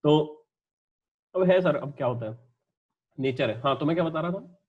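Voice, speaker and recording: भारत का एक पुरुष शिक्षक, जो परीक्षा की तैयारी के लिए लेक्चर देता है। वह बोलचाल के अंदाज़ में, जोश के साथ पढ़ाता है, ख़ुद से सवाल पूछता है और ख़ुद ही जवाब देता है।. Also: male voice, on the high side, muffled recording. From India. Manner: lively, conversational, asks and answers his own questions; reads English lines slowly. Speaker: teacher. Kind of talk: exam-prep lecture.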